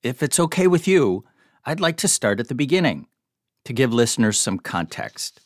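Male host, measured and polite, dry studio read. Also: medium pitch, sing-song, no echo. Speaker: podcast host, editor. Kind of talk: scripted intro and interview questions.

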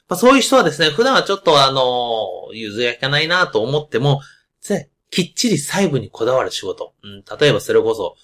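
A man hosting a podcast with a loud, carrying voice, explaining ideas in a casual monologue full of asides and fillers. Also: mid-range voice. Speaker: podcast host.

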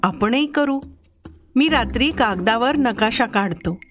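Lady reading a kids story, brightish high voice, faint music under it, does all the kids voices. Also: slow pace. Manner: acts out each child's voice with lively shifts. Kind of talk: children's story narration.

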